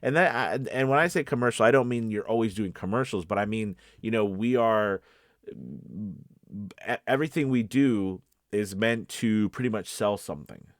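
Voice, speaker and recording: A man hosts an informal coaching video, explaining things conversationally to camera and often checking in with the listener. His lowish voice moves at normal speed, with clean studio sound and no room sound.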